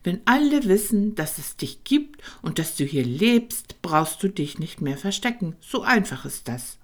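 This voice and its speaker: A woman's voice: on the low side, very animated, unhurried, pitched above the performer's own voice. A woman voicing a sheepish boy in a children's audiobook, eager and apologetic, who blurts things out. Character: sheepish boy, former dragon hunter.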